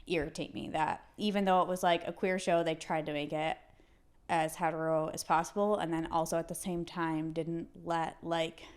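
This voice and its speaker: A woman's voice: deep voice, flat delivery, moderate pace, clear, resonant tone. A woman in her late twenties co-hosting a podcast, chatting casually with fillers and frequent laughs. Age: 20s. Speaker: podcast co-host. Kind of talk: casual chat.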